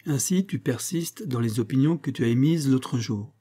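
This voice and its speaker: A man's voice: mid-range voice, expressive, moderate pace, warm tone, breathy edge. A man reading an audiobook, voicing a proud medieval king who speaks in imperious, stern pronouncements. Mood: probing.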